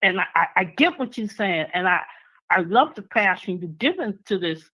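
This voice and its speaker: A woman's voice: medium pitch, very animated, normal speed, bright, forceful tone, low-quality recording. A woman, calling in to a talk show and speaking earnestly, repeating points for emphasis. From New York City. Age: 70s. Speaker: caller. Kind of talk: call-in radio talk. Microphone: phone line.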